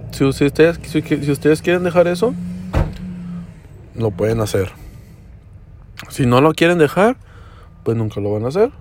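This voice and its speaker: A man's voice: a little high, darkish tone, slight background noise. A young man from Mexico, talking casually to camera in a vlog, full of slang and swearing, slipping into English mid-sentence. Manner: slangy, profane, storytelling with code-switching.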